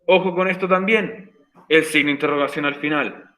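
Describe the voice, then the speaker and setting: Guy teacher explaining grammar in a virtual class, patient, says things twice, kinda high pitched. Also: fairly quick, pushed and bright, poor audio. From Chile. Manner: patient, repeats points for emphasis. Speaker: English teacher. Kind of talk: recorded online class explanation.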